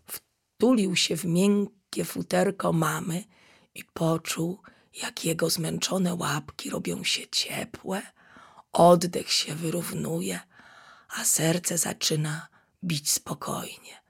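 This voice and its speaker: Woman, whispered bedtime story, hushed, soothing, very slow, slightly low. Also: vocal fry, breathy edge.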